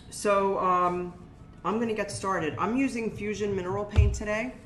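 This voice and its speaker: An older woman running a casual hands-on craft demonstration, explaining steps plainly to viewers. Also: lowish voice. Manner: chatty, practical, talks to viewers as "guys". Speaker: shop owner teaching a craft workshop. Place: indoor shop workspace with brick wall. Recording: roomy, faint music behind.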